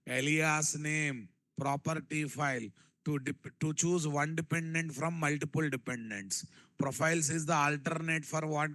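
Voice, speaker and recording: Here the same sort of classroom lecture comes from a programming instructor with a Telugu Indian accent, whose slightly high voice sounds pushed and bright. He keeps repeating phrases and tossing rhetorical questions at his listeners, and there's no room sound at all.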